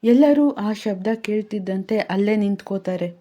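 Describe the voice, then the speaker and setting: Woman narrating a story, warm mellow voice, steady, kinda muffled audio. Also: mid-range voice, normal speed. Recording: dull lo-fi sound.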